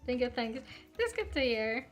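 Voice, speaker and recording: A woman chats casually on a live game stream with background music playing, mixing in game dialogue she reads aloud. Her voice is a little high and very animated, at normal speed.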